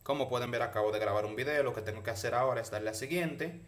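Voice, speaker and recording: A man with a medium-pitched voice hosts a casual how-to tutorial. He speaks straight to the viewers and walks them through each step in an instructional way. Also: fast talker. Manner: instructional, addresses viewers directly. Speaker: tutorial host.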